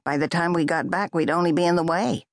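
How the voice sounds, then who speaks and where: A woman voicing a tall young man who speaks in a calm, gentle way. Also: lowish voice, fast, dry recording, clean studio sound, lightly acted.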